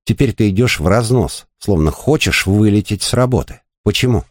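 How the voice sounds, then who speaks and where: A man's voice: fairly low pitch, lively intonation, normal speed, no echo, clean studio sound, close to an everyday voice. A man putting on a mocking, crude young courier. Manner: teasing, coarse, needling. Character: brash crude male bike courier, mocking.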